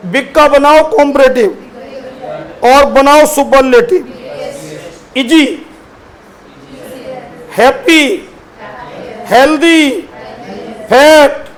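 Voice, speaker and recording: High-voiced male teacher, slow and coaxing. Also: low-quality recording. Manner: addresses students as children, asks them questions. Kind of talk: classroom lesson on English grammar.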